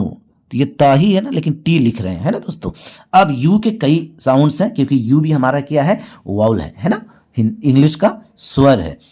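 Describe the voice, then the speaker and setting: A man's voice: on the high side, a little mellow. A man teaching English letter sounds in a patient spoken lesson. He says each example word several times and keeps asking the viewer to pay attention. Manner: often asks the viewer to notice and checks agreement.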